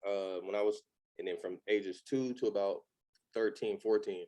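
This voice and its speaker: A man's voice: on the low side, steady tone, normal speed, warm tone. A man from Los Angeles in his thirties, a podcast guest talking candidly in a loose, rambling way with many fillers. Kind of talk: casual chat.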